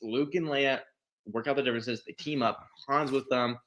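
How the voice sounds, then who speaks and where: A man co-hosting a podcast, retelling a story in a rambling, excitable way, with frequent restarts and swearing. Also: medium pitch, moderate pace, dull audio. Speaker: podcast co-host. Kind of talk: casual chat, retelling a story.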